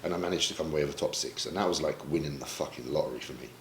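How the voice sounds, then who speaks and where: Racing through his words, a very deep-voiced British man, a professional bodybuilder, opens up emotionally and reflectively in a candid sit-down interview, swearing casually along the way. There's slight background noise, faint ambience and a roomy echo.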